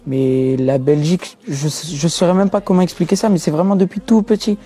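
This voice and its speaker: A teenage rapper, talking in loose street slang during an interview. His voice sits a little high but sounds dark and mellow. He drops in constant "tu vois" asides and stacks repeated words for emphasis. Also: fairly even intonation, a little fast, slightly rough. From France. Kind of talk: casual interview talk.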